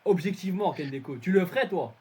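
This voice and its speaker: Young man, higher voice, rapid argumentative delivery, insistent and repetitive in casual debate. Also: lively intonation, a little mellow. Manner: argumentative, insistent, repeats himself.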